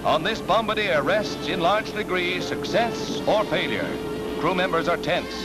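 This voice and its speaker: Man, old newsreel narrator, high voice, dramatic delivery, loud music under him. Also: measured pace, poor audio. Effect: old newsreel soundtrack.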